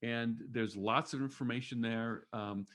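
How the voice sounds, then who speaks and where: A man co-hosting a casual spiritual podcast, talking in a halting way with many fillers and restarts. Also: mid-range voice, steady tone, fairly bright tone. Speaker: podcast co-host.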